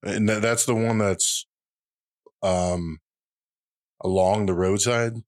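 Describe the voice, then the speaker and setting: A man's voice: fairly low pitch, fairly even intonation, slow pace, no room sound, clean studio sound. A man from Michigan with an American accent, talking casually as a podcast co-host. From Michigan, United States. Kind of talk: casual conversational chat.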